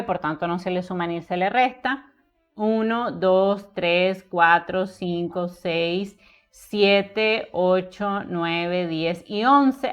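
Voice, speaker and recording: A woman teacher walks through a poem's meter in a patient, explanatory tone, counting syllables out one by one. Her voice sits at a middle pitch, with faint music playing softly behind her. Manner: counting syllables aloud, slow and deliberate. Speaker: literature teacher. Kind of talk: explanatory lesson on poetry metrics.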